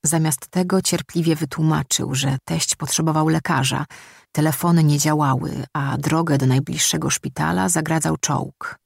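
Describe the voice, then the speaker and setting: An audiobook narrator reading a story in a steady, measured way. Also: medium pitch, creaky, breathy edge, no echo, studio quality. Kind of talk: scripted narration.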